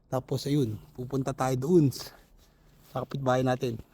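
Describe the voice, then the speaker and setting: A man's voice: medium pitch, little pitch movement, a little slow, warm tone, breathy edge. Breathless man vlogging outdoors. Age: older. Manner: chatty, laughs often between phrases. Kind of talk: casual vlog narration while shoveling snow. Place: outdoors in winter snow.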